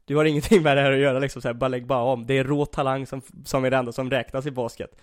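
A man's voice: mid-range voice, steady tone, lightly acted. A man voicing a huge, brash teenage basketball player, blunt and dismissive.

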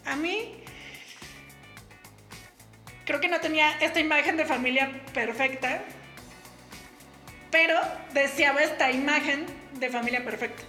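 A woman's voice: high-pitched, normal speed, pushed and bright. A woman with a Mexican Spanish accent, hosting a podcast, speaking casually with slang. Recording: echoey room with faint music.

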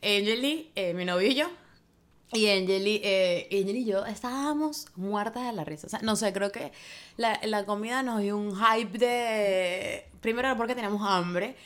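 A woman co-hosting a podcast in casual chat, lively and quick to laugh. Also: mid-range voice. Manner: lively, laughs often, quotes people. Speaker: podcast co-host.

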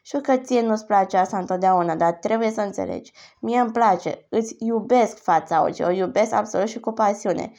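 A woman reading the lines of a gentle, teasing middle-aged father in an audiobook. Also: medium pitch, gravelly, few pauses, dull audio, close to an everyday voice. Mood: earnest.

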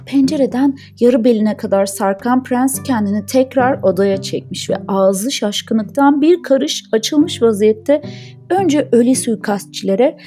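A woman reads a fairy tale aloud in a slow, deliberate narrating voice. Her tone is mellow and somewhat high, with faint guitar music under her. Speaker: storyteller. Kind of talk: storybook narration.

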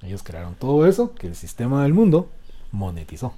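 A man preaching a sermon, asking the congregation questions and swinging between loud and soft. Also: mid-range voice, huge pitch swings, a little fast. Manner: call-and-response with congregation.

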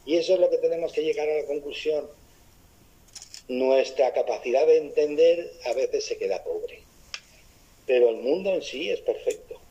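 A man from gives a spiritual talk and keeps putting rhetorical questions to his listeners. His voice is husky, mellow and soft. The recording sounds dull and lo-fi. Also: a little high. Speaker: spiritual speaker.

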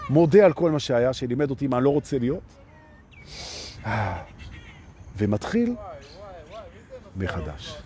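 A man's voice: mid-range voice, warm tone. A man leading a live self-help session as a coach, talking animatedly and repeating key phrases while he addresses his listeners directly. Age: adult with a son. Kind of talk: motivational self-help talk.

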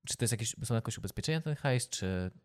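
A man's voice: lowish voice, expressive, fast. A man co-hosting a podcast, telling stories in a dry, casual way. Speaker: podcast co-host. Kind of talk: casual banter.

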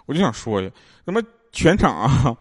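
A man's voice: mid-range voice, big pitch swings, normal speed, breathy edge, no room sound, clean studio sound. A man with a Northeastern Chinese accent hosting a podcast, telling casual, comedic stories to listeners in a jokey way with laughter in his talk. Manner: jokey, often laughing as he talks. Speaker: podcast host.

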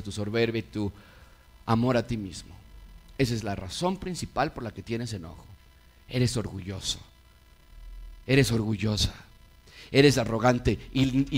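Middle-aged male pastor, mid-range voice, preaching with sharp swings in volume and quoted voices. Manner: swings between loud emphatic peaks and quiet low asides; acts out quoted voices of listeners. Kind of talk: sermon.

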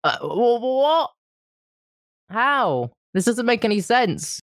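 A male podcast co-host on a voice call whose voice is glitching higher in pitch, talking in puzzled, stammering restarts. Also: big pitch swings, takes it slowly, a bit bright. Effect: voice glitching higher in pitch over the call. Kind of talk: casual chat.

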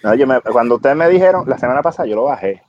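A man in a casual podcast chat on a headset, rapid and jokey. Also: mid-range voice, expressive, a crowd in the background. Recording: dull headset audio.

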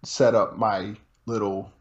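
A man's voice: lowish voice, flat delivery, takes it slowly, echoey room, dull audio. Joking, crude man in casual chat. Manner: joking, crude, asks lots of questions.

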